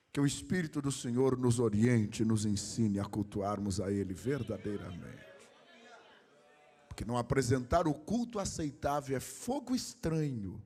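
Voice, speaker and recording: A male Brazilian pastor preaching a sermon, swinging between a sung, rising cadence and quiet asides. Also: mid-range voice, husky. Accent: Brazilian Portuguese.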